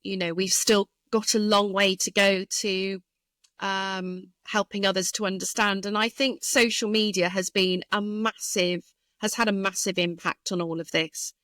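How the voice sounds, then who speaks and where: A woman speech therapist, a guest in an interview, explaining carefully and thoughtfully with frequent pauses and fillers. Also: medium pitch, fairly even intonation, fairly bright tone, no room sound. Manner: thoughtful, hesitant with many fillers.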